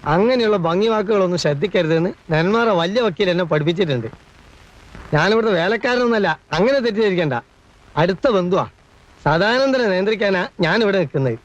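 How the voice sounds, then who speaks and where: A man's voice: high-pitched, expressive, fairly quick, lo-fi sound. A man playing a meddling, gossipy middle-aged busybody in a comedy film, fussy and lecturing. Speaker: servant-like relative in a comedy film.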